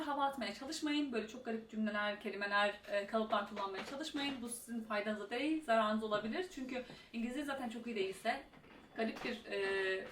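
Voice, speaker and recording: A young woman giving casual exam-speaking tips as a tutor, talking fast and chatty with many fillers. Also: on the high side, a bit bright. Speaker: IELTS tutor and YouTuber. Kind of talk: casual advice vlog. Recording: roomy echo, mic at a distance, faint room noise.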